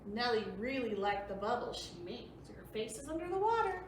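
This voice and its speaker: A library storytime host with a fairly high, very animated voice reads aloud to young listeners at a slightly fast clip, explaining things simply. The room is very echoey, the mic is distant, and there's faint noise.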